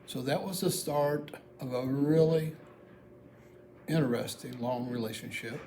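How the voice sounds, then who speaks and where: Telling a personal story on amateur video, a middle-aged or older American man keeps it casual, folksy and plain-spoken. His medium-pitched voice has a dark tone and moves a little slowly, with background noise clearly audible.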